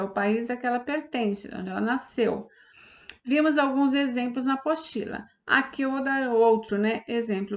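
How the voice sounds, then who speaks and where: A woman teacher with a Brazilian Portuguese accent, patiently explaining a lesson step by step and often checking that students follow. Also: on the high side. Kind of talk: online class lesson.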